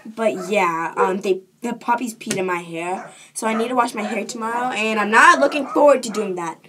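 A teenage girl vlogs casually to camera from her bedroom at home, rambling with lots of fillers in a medium-pitched voice at a moderate pace. The home recording is noisy, with crowd noise and dogs barking in the background.

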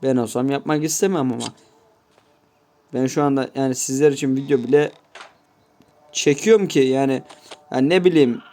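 A man's voice: medium pitch, mellow. Foul-mouthed man commenting on gameplay. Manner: swears constantly, talks straight to viewers; grumbling, mock-offended asides. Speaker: gameplay YouTuber.

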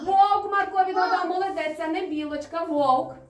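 A woman's voice: very high-pitched, normal speed. A woman preschool teacher reading riddles, praising and guiding small children through a lesson and chanting rhymes. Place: kindergarten classroom. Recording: roomy, far from the mic, with music behind.

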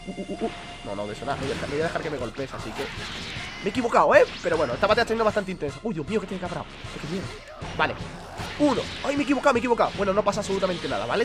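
A young Spanish-accented man gives rapid, high-pitched play-by-play of his own match, his voice leaping all over the place. He counts out button combos and swears loudly whenever he slips up. Faint music plays underneath. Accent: Spain Spanish. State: ill with a cough. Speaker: gaming YouTuber. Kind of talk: live gameplay commentary.

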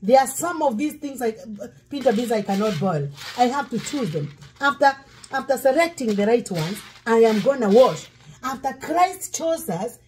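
In her home kitchen, a middle-aged woman pastor cooks and preaches, occasionally singing, for a cooking-demo sermon. Her voice is high-pitched, and the fixed camera across the counter picks up a little hiss or hum.

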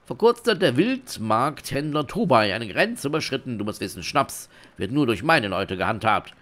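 A man's voice: medium pitch, big pitch swings, moderate pace, fairly bright tone, pitched above the performer's own voice. A man voicing a shifty smuggler innkeeper, theatrically innocent. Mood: sly. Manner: theatrical, wheedling, feigned innocence. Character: shifty smooth-talking male smuggler innkeeper. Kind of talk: reading game dialogue aloud in character.

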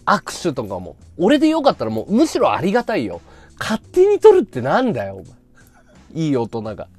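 A man live-streaming a casual chat, blunt and ranting, swinging from loud outbursts to low mutters. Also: wildly swooping pitch, fairly quick, dry recording, soft background music.

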